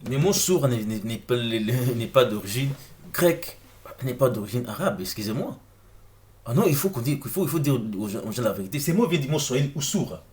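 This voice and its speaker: A man's voice: medium pitch, lively intonation, fairly quick, darkish tone. A man giving an informal explanatory video talk, addressing viewers directly with questions and often repeating words as he searches for them. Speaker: presenter of an online video lecture. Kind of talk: informal explanatory talk over on-screen text.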